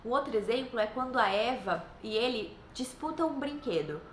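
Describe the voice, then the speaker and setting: A woman's voice: on the high side, animated, moderate pace. A woman in her thirties with a Brazilian Portuguese accent, giving earnest, reassuring parenting advice to other mothers. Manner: earnest, reassuring, acts out playful voices for her kids. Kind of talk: casual advice vlog. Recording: echoey room, faint background noise.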